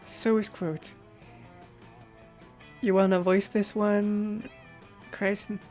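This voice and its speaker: A woman's voice: mid-range voice, level tone, slow pace, a little mellow, faint music behind. A woman streaming a game, reading the narration aloud and chatting casually with friends. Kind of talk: unhurried story narration and casual stream chat.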